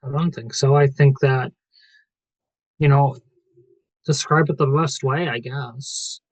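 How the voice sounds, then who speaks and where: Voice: mid-range voice, fairly even intonation, slow pace, no echo, poor audio. Sassy, emphatic podcast co-host, dry mic. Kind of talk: casual group discussion.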